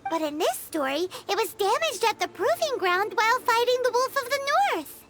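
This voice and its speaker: A woman voicing a small, childlike fairy companion in a video game, excitable, inquisitive and chirpy. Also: very high-pitched, moderate pace, heavy background noise. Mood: curious.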